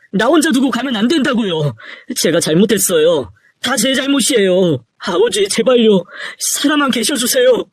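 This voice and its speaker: A man's voice: medium pitch, dry recording, studio quality. A young man narrating his own life story in an emotional, confessional way. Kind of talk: first-person story narration.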